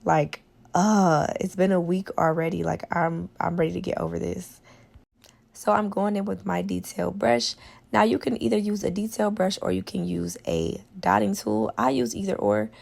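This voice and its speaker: A woman talks through a nail tutorial in a casual, chatty way. Her voice is on the low side and badly hoarse from a cold, with a very gravelly smoker's rasp that creaks through her words. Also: normal speed, a little mellow. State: hoarse from a cold and sore throat. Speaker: nail tech doing a product test tutorial.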